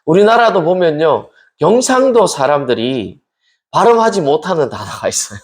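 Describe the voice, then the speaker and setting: A man leads a midweek Bible study as a pastor, preaching and turning often to his listeners with questions. His voice sits high and swings widely in pitch, rising and falling with emphasis. He sounds animated and engaged as he addresses the congregation. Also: moderate pace.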